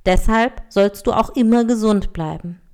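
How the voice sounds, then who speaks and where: Life, a wandering healer spirit, speaks in a calm, measured, solemn voice, as a woman reads it aloud. It is a plain storybook reading. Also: medium pitch, natural voice. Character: Life, a wandering spirit who heals and tests people.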